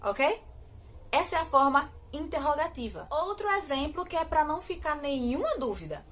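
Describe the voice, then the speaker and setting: Speaking with a Brazilian Portuguese accent, a Brazilian woman with a fairly high, fairly bright voice and big pitch swings teaches English grammar to children in a recorded online lesson. She moves quickly through explanations, slows way down for each model sentence, and checks in with rhetorical questions and a frequent "ok?".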